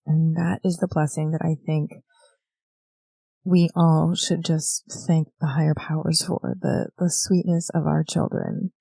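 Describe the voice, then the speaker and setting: Low, gravelly woman speaking earnestly. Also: little pitch movement, a little slow, dark tone, no echo, faint music behind. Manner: earnest, reflective. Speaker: podcast host. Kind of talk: heartfelt personal monologue.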